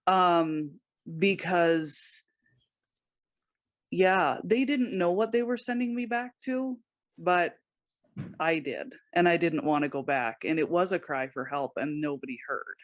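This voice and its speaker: A woman guest on a podcast, giving personal testimony in a halting way, with many pauses and restarts. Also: lowish voice, no room sound.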